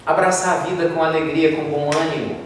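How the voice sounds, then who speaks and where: A man from Brazil with a Brazilian Portuguese accent, giving a spiritist talk as a lively storyteller in a large lecture hall. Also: on the high side, a little fast. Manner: lively storyteller, acts out quoted voices. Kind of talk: spiritist talk with told stories. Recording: echoey hall, distant mic, faint noise.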